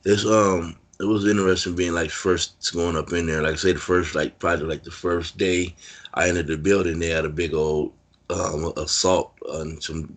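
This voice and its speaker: Deep-voiced man telling prison stories. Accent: Californian. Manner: rambling, filler-heavy street talk. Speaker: interview guest, former prisoner. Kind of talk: casual storytelling interview.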